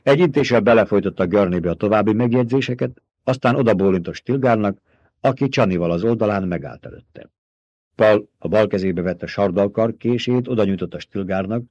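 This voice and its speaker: A man calmly reading a novel aloud as narrator. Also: lowish voice, no room sound. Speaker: audiobook narrator. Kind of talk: scripted narration. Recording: dull, dry recording.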